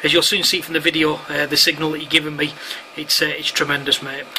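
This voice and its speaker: Fast-talking and sharp-toned, with a pitch on the high side that barely moves, a man chats casually over two-way radio using matey slang and radio jargon. He's an amateur radio operator filming for online videos at his set at home, in a clearly noisy room recording.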